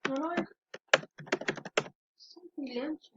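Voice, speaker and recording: High-pitched woman with European Portuguese accent. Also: normal speed. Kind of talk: casual chat. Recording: muffled, loud noise, keyboard clicks.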